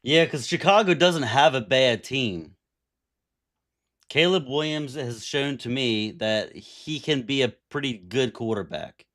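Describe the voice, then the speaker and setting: A man co-hosting a sports podcast, blunt and profane in easy banter. He teases his friends and keeps an everyday middle pitch. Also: a little slow, fairly bright tone. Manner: blunt, swears freely, teasing. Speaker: podcast co-host. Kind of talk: casual sports chat.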